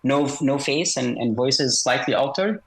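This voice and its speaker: Male interview guest, voice electronically disguised, mid-pitched and measured, hesitant delivery. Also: animated, low-quality recording. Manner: measured, hesitant, frequent "uh" fillers. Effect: voice electronically altered to disguise identity. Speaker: guest author, former special operations soldier. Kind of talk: interview over a video call.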